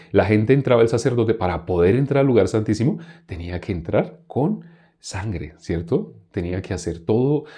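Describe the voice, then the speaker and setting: A man with a low, mellow voice gives a conversational Bible-teaching sermon. He keeps asking his listeners questions and sometimes mimics people straining in prayer. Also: breathy edge. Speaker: preacher.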